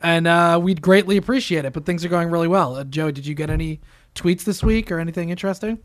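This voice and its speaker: A male podcast host with a notably high voice, talking in an upbeat, animated way. He keeps a casual chatty tone while steering the conversation. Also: fast. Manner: upbeat, animated promo delivery.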